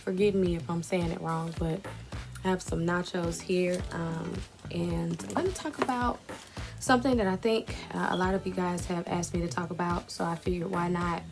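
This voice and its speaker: A woman's voice: lowish voice, fairly even intonation, moderate pace, over music. A woman vlogger chatting casually and a little self-consciously as she eats between sentences. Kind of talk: casual chat while eating.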